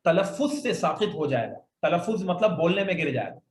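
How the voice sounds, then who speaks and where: High-voiced man teaching with echoey sound. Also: big pitch swings, fairly quick. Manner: patient, repeats questions and asks students to say words back. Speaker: Arabic grammar teacher. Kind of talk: classroom lesson with call-and-response drills. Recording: echoey room, faint noise.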